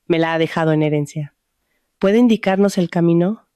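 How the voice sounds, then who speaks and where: A woman voicing a gentle, grieving young woman in a storybook reading, speaking softly. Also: fairly low pitch, normal speed, clear, resonant tone, no echo, studio quality, close to an everyday voice. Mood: sad. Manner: soft, tearful.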